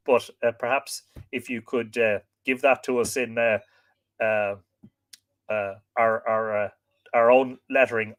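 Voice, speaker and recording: A man's voice: mid-range voice, fairly bright tone. A man with an Irish accent and a lilting, storyteller-like delivery, chatting informally as host of a livestream. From Ireland. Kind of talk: informal livestream chat, reading out viewer greetings.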